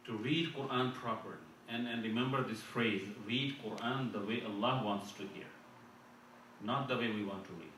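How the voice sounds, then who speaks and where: The preacher, a man addressing an Islamic conference, has a medium-pitched, somewhat bright voice. His sermon is recorded from afar in a strongly reverberant mosque hall with slight background noise. He speaks earnestly, frequently restarting and repeating phrases, and recites Arabic verses quickly.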